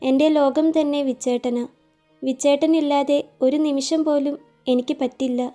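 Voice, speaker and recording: A woman narrator voicing a tender young woman in love, soft and pleading. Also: high voice, steady tone, normal speed, faint music behind, natural voice. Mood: tearful pleading.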